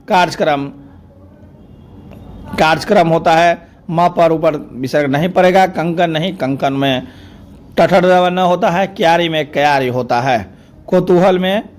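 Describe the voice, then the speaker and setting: Man drilling spelling rules, slightly high voice. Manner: repetitive, drilling each word as wrong then right. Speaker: teacher.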